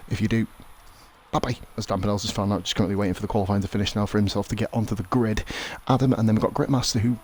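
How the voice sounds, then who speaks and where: A man's voice: lowish voice, fairly even intonation, rapid-fire, darkish tone, slight background noise. A man with a lisp, giving casual, sweary, bantering livestream race commentary as host. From South West Wales.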